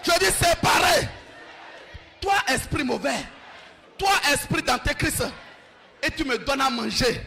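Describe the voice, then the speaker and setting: A male pastor leading a shouted deliverance prayer, fervently repeating short commands over and over. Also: very high voice, lively intonation, a little slow, creaky, pauses often, some chatter behind, slight background noise.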